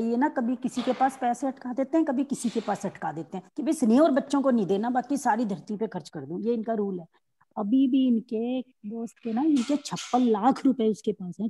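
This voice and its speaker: A woman with a husky, dark voice that sits a little high for her sex. She asks for advice and talks at length, airing her complaints about her household. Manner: complaining, talkative. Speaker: visitor seeking advice. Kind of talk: casual conversation.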